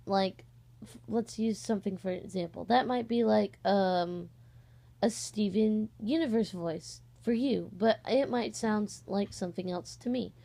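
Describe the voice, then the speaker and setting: This sixteen-year-old amateur voice-acting channel creator gives a hesitant, rambling, casual announcement in vlog style. Her mid-range voice is measured in pace, mellow, with vocal fry. The cheap microphone adds slight distortion.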